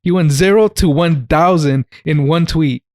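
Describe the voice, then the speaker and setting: A man co-hosting a casual podcast, with a voice pitched a little high for a man. He jokes, laughs often and swears freely. The sound is dry and close to the mic. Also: measured pace, darkish tone, dry recording. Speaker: podcast co-host. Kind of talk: casual chat.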